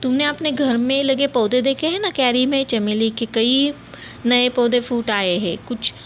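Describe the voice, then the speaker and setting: A woman voicing a loving mother who gently calls her son to dinner in a children's story. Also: fairly high pitch, slow, muffled recording, a little hiss or hum. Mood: coaxing.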